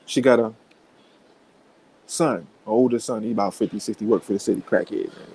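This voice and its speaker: A man's voice: fairly low pitch, a little fast, mellow, a little hiss or hum, poor audio. A man telling a story to camera at home, casually and profanely, often laughing and talking straight to his viewers. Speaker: vlogger. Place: at home with his young son.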